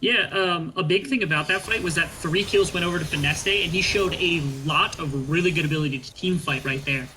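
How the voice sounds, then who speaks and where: Dude breaking down esports plays, bright voice, lots of ums and uhs. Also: male voice, on the high side, a little fast, hardly any pauses, soft background music, poor audio. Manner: analytical, with frequent ums and uhs. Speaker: color commentator. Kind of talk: esports analysis commentary.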